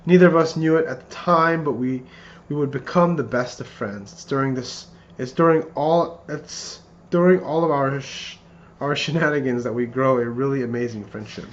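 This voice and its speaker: A man in his thirties rehearsing a best man's wedding speech in an earnest, somewhat halting way, often repeating phrases. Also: medium pitch. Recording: muffled lo-fi, clear background noise.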